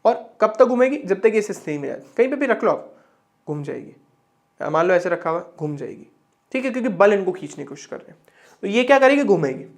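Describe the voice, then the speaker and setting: A man's voice: sits high, very animated, brisk. A young man teaching a physics lesson at a board, chatty, asking and answering his own questions and repeating words for emphasis.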